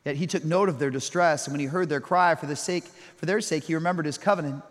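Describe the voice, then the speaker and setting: A man in his thirties preaching a sermon, swinging between loud storytelling and hushed, slow reflection. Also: on the high side, big-room sound. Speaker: pastor.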